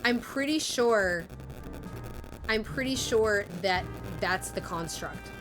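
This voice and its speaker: A woman voice actress live-streaming a game, thinking aloud in an animated way, swearing casually and reading lines aloud. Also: mid-range voice, slow, music in the background.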